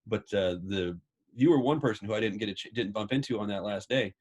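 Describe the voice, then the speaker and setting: Brief: male magazine interviewer, quick, lowish voice, chatty storyteller on a video call. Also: a little mellow, breathy edge.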